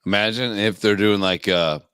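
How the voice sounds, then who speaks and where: A man's voice: lowish voice, steady tone, normal speed, fairly bright tone, clear, resonant tone, dry recording, studio quality. A man co-hosting a podcast, chatting casually, agreeing often and laughing. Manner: laid-back, agreeable, laughs a lot. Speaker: podcast co-host. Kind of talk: casual chat.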